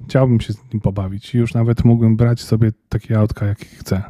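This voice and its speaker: A man's voice: on the low side, level tone, brisk, mellow, no echo, close to an everyday voice. A man voicing a young boy stuck in a hospital bed, earnest and plain. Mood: sad.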